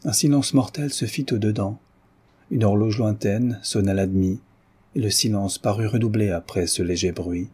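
Husky low-voiced male audiobook narrator. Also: normal speed, dark tone. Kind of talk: scripted narration of a novel.

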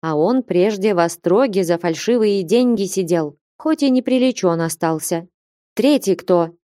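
A woman's voice: medium pitch, lively intonation, normal speed, warm tone, no room sound, clean studio sound, lightly acted. A woman voicing a humble, anxious old nun treasurer in an audiobook, pleading and lamenting. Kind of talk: audiobook character reading.

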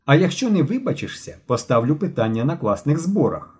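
An earnest schoolboy lays down the rules firmly in a storybook reading, as a man acts him out. His voice is mellow, lively and somewhat raised. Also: on the high side, fairly quick, voice pushed up. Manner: firm, decisive. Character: earnest schoolboy leader Mishko, firm.

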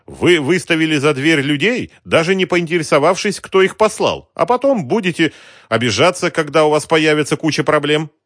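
A man voices a sly, polite, middle-aged racketeer in a suit who talks down to a shopkeeper, coldly courteous and mocking. His fairly high, fairly bright voice is pitched above his own, with lively intonation and a moderate pace, recorded clean in a studio with no echo.

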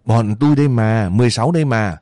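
A man doing a gentle weary officer. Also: medium pitch, fast talker, no echo, clean studio sound, close to an everyday voice. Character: weary middle-aged male guerrilla officer, gentle.

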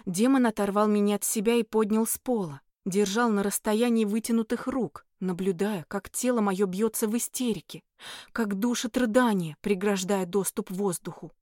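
A woman's voice: medium pitch, moderate pace, dark tone, no echo, studio quality. A woman reading a first-person fantasy audiobook in an emotional, dramatic manner. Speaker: audiobook narrator.

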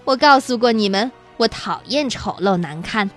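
A woman's voice: fairly high pitch, sing-song, a little slow, fairly bright tone, soft background music. A woman voicing a flamboyant eccentric male candy maker, showy, exclaiming and coaxing, in a children's storybook reading.

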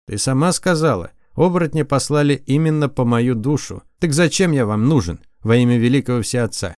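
A man's voice: medium pitch, expressive, brisk, a little mellow, clean tone, no echo, clean studio sound, voice pushed up, lightly acted. A man playing a blunt, distrustful young warrior. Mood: gruff. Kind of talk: audiobook character voice.

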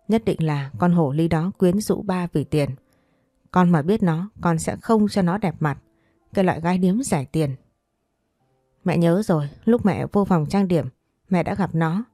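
A woman's voice: fairly low pitch, warm tone, dry recording, clean studio sound, lightly acted. A woman voicing a middle-aged mother who has just caught her cheating husband, tearful and furious, scolding shrilly.

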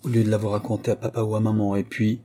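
A man reading an audiobook voices a headstrong, playful young girl, lifting his voice and talking quickly and teasingly. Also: lowish voice, flat delivery, dark tone, lightly acted.

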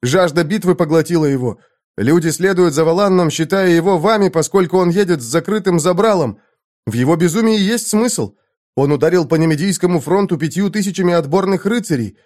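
A man voicing a frantic young squire in a dramatized audiobook, calling out the battle in high, excited shouts. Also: brisk, lightly acted.

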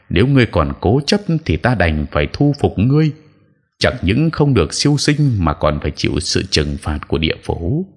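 A stern old exorcist from a spoken ghost story, read by a man. His very deep voice gives formal, measured commands. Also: full character voice.

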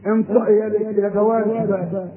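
A man with an Egyptian accent giving an animated religious lesson and throwing rhetorical questions at his listeners. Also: high voice, brisk, narrow, tinny audio, a crowd in the background. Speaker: religious teacher.

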